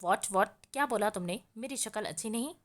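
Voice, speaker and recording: A woman voicing a stubborn, sharp-tongued young woman who taunts defiantly. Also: medium pitch, moderate pace, lightly acted.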